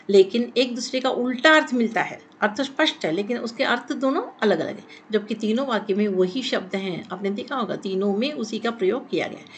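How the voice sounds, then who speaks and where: A woman's voice: on the high side, slight background noise. A woman teacher giving a recorded Hindi lesson, explaining step by step, repeating words and asking rhetorical questions. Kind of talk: classroom lesson on punctuation.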